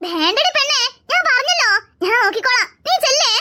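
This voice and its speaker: A woman's voice: very high voice, very animated, fairly quick, heavy background noise. A woman voicing a protective, stubborn older sister in a cartoon series, speaking firmly and dismissively. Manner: firm, dismissive.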